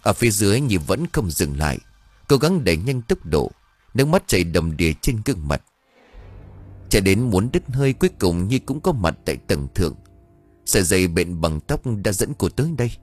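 Deep, husky male storyteller. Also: brisk, no room sound. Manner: expressive storytelling. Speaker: audiobook narrator. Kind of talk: dramatic story narration. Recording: faint background music.

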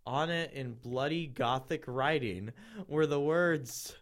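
A man's voice: mid-range voice, slow pace. A young man giving a comic dramatic reading to friends, laughing and jumping between voices. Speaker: reader.

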